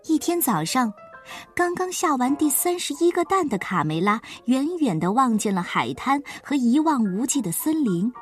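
A woman narrating a children's story in an expressive, lively way. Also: high voice, normal speed, faint music behind.

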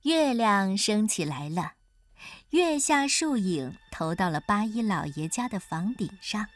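Animated woman storyteller, lively voice. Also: mid-range voice, a little slow, no room sound. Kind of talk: children's story narration.

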